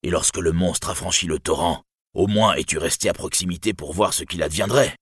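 Homme jouant un homme boiteux et amer. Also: male voice, deep voice, a little fast, fairly bright tone, husky, no echo, studio quality. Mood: bitter. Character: lame man, bitter and weary. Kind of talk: audiobook reading.

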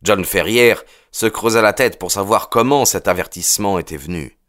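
A man reading a novel aloud as an audiobook narrator, in a measured, expressive way. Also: fairly low pitch, no echo, clean studio sound. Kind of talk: scripted narration.

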